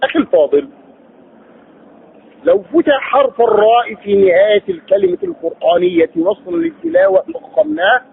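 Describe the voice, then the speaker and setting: A male teacher gives a recitation lesson in a gravelly, high-pitched voice that rises and falls a lot. He poses questions, answers them himself and drills the syllables one by one. The recording is tinny and phone-like, with a faint hiss underneath. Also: sing-song, brisk. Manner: drills sounds by repeating syllables. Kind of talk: tajweed lesson.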